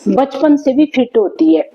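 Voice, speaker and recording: A woman vlogger, reminiscing to camera in an unhurried, reflective way with many thinking pauses. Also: high voice, sing-song, lo-fi sound. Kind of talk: casual reminiscing talk to camera.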